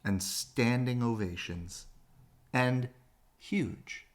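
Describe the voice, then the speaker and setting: A man with a mid-range voice reads a children's story aloud, giving it expressive bedtime narration full of dramatic, drawn-out phrasing.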